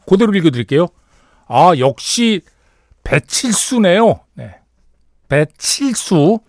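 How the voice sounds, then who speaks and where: A man hosting a radio show in a studio, reading a short story and then listener messages, with relaxed banter. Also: on the high side, no echo. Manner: relaxed banter, reads messages aloud and comments.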